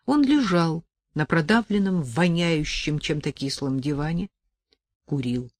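Male narrator for a novel, measured and even, dry close recording. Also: on the high side, no echo. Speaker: audiobook narrator. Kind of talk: scripted narration.

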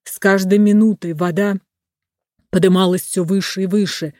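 Brief: even-paced fairy-tale narrator, dead-dry booth. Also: medium pitch, moderate pace, no echo. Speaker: audiobook narrator. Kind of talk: scripted narration.

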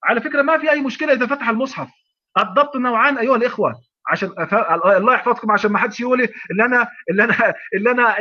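Egyptian male sheikh, quick emphatic lecturer, repeats himself, dull online recording. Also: extremely high pitch, sharp tone. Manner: emphatic, repeats phrases, rhetorical questions. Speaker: sheikh teaching Quran readings.

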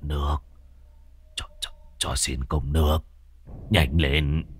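Guy doing a scared old man, shaky stuttering, weak and quiet. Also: a bass voice, level tone, slow, breathy edge, voice pushed down, heavily acted. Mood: terrified. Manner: stammering, faint, shaky. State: terrified. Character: terrified old husband, trembling.

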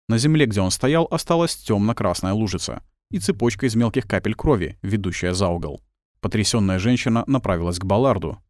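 A man narrating a story in an expressive reading voice. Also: fairly low pitch, dry recording, studio quality. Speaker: audiobook narrator. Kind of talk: scripted narration.

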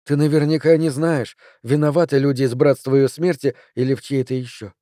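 A man voicing a tender young woman, the hero's lover, in a soft hushed tone. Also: mid-range voice, fairly even intonation, fairly quick, no room sound, clean studio sound, natural voice.

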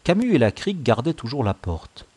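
A man reading a classic novel aloud as an audiobook narrator, measured and expressive. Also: mid-range voice, slightly rough. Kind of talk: scripted narration.

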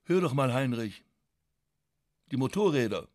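A man's voice: mid-range voice, lively intonation, measured pace, darkish tone, no room sound, lightly acted. A man voicing an anxious middle-aged housewife who urges her husband along. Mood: worried urging. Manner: worried, urging. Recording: dry studio.

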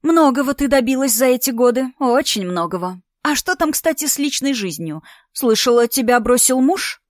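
A woman's voice: high-pitched, lively intonation, moderate pace, no room sound, clean studio sound, voice pushed up. A woman reading a storybook part, voicing a spiteful, mocking woman in her thirties who is about to marry, with a raised, sarcastic voice. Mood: taunting. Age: 30s. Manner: sneering, sarcastic, theatrical.

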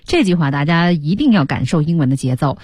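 A woman co-hosting a radio English lesson, commenting in an animated, exclamatory way with rhetorical questions. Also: deep voice, brisk, husky, no room sound. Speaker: radio co-host. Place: radio studio.

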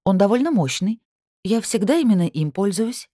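A woman's voice: medium pitch, lively intonation, moderate pace, warm tone, no room sound, studio quality, pitched above the performer's own voice, lightly acted. A woman reading an audiobook, voicing a touchy middle-aged woman who grumbles when suspected. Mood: chatty. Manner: offended, grumbling.

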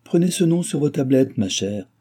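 A man's voice: mid-range voice, expressive, moderate pace, mellow, slightly rough, voice pushed up. A man voicing a gracious, charming young princess who gives courteous orders.

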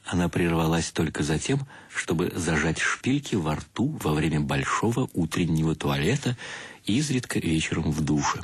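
A very deep, husky, animated male voice at normal speed, with no echo, gives a full character performance. He is an actor narrating a radio play in the first person as a wry, self-mocking intellectual bridegroom, in an ironic, mock-solemn and ornate literary style.

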